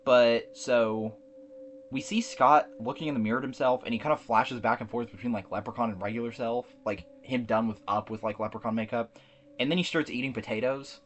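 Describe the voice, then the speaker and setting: Guy on a podcast rambling thru a movie plot, ums and restarts, middle pitch. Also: fairly even intonation, brisk, a little hiss or hum. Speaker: podcast co-host. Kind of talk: casual movie recap chat.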